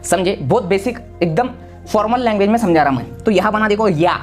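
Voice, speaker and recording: A man's voice: high-pitched, expressive, fairly quick, faint music behind. A man from Maharashtra, a teacher giving a casual exam-prep lesson, explaining with many repeats and restarts. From Maharashtra, India.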